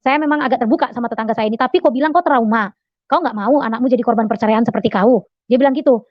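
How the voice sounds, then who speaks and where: Woman telling her testimony at a quick clip, earnest and full of fillers; muffled, dry sound. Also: a little high, dry recording. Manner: earnest, fast storytelling with many "eh" fillers; addresses listeners as Bapak Ibu Saudara. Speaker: testimony speaker. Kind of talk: personal testimony.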